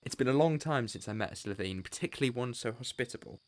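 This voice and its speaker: A man's voice: mid-range voice, lively intonation, no echo, lightly acted. A man playing the Doctor, an eccentric male alien time traveller, in a fan audio drama, alternately urgent, pleading and wistful. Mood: explaining. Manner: quick, wistful explanations. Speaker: audio drama writer and actor.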